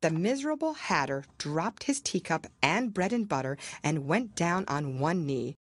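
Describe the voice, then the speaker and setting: A woman's voice: low-pitched, big pitch swings, moderate pace, dry recording. A woman narrating a children's storybook from a script as an audiobook reader.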